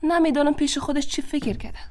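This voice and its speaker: An actress with an Afghan Dari accent playing a soft-spoken, hesitant young secretary. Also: female voice, sits high, close to an everyday voice. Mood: worried. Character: timid young woman, new company secretary.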